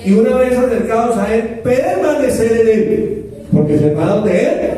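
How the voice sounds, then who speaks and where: A man's voice: very high-pitched, expressive, moderate pace, mellow, faint music behind. A man preaching a sermon, telling Bible stories with dramatic rises and drops in his voice. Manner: storytelling with dramatic rises and falls. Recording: echoey room, mic at a distance.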